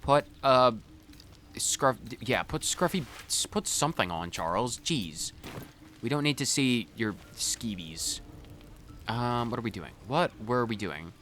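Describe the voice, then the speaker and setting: Casting: male let's play host, medium pitch, casual and rambling, joking back at game characters. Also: expressive, unhurried, fairly bright tone, slight background noise. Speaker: gaming video host.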